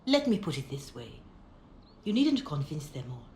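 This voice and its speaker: Mother Giselle, a low-voiced wise cleric. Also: big pitch swings. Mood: earnest, persuasive. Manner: measured, gentle, solemn. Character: calm, wise, compassionate middle-aged Chantry mother, gravely earnest. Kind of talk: dramatic video game dialogue. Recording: roomy echo, background ambience noise.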